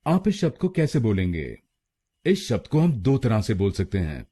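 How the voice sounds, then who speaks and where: A man from India teaching pronunciation in a scripted lesson, speaking slowly and deliberately and repeating each word twice. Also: lowish voice, very animated, dark tone, husky.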